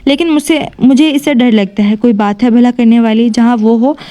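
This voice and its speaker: A woman plays a playful young man in a storybook. He teases with an innocent air, in a mellow, slightly high voice. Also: fairly even intonation, normal speed, lightly acted. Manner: playful, teasing.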